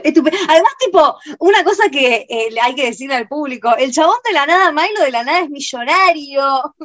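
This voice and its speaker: A young woman with a Rioplatense accent, co-hosting a film podcast and retelling scenes in a fast, exasperated way. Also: high voice, expressive, a bit bright, no room sound. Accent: Rioplatense Spanish. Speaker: podcast co-host. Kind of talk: casual film review chat.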